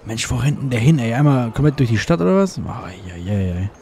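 A man's voice: mid-range voice, big pitch swings, fast, creaky, a little mellow, slight background noise. A man commenting casually on his gameplay, chatty and sarcastic, grumbling at the game as he plays. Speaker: let's play gamer.

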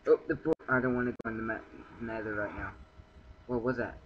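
A young man in his teens giving excitable, rambling commentary over a video game, talking to himself. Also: a little fast. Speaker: gameplay video maker. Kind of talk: casual gameplay commentary. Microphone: cheap computer mic. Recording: muffled low-quality computer mic, faint background hum.

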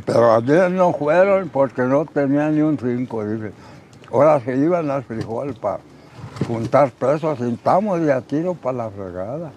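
A man's voice: mid-range voice, lively intonation, a little slow, a little mellow, slight background noise. Plainspoken old man. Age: older. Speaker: elderly man being visited. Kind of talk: casual chat.

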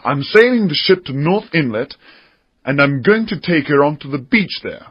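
A brave young boy sailor, eager and earnest, with a raised, lively voice that bounces up and down, as a male storybook narrator puts him on. The tone is husky underneath, and the recording sounds slightly muffled. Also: fairly high pitch, moderate pace, no room sound, voice pushed up. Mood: determined.

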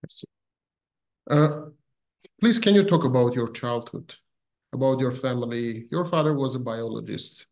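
A man's voice: mid-range voice, normal speed, vocal fry, pauses often, darkish tone. A young adult man hosting a video call interview, asking polite, brief questions with some filler sounds. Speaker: host.

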